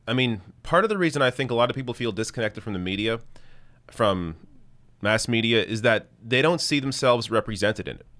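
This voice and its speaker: Low-voiced man giving earnest political commentary. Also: fairly bright tone, no echo. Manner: earnest, emphatic, opinionated. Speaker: host of a news commentary show. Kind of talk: political commentary, talking off the cuff to viewers.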